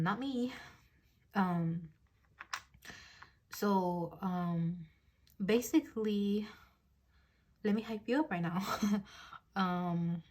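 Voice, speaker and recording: A young woman gives a casual tarot reading, recorded on a phone mounted at her desk. She rambles along with plenty of fillers and keeps breaking into giggles. Her voice sits at a middling pitch. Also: darkish tone. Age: young adult. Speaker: tarot reader.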